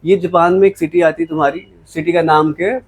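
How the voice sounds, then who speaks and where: High-voiced man teaching English vocabulary. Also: fairly even intonation, fast talker, low-quality recording. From Jammu, India. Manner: explains in Hindi mixed with English, asks and answers his own questions. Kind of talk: classroom lecture.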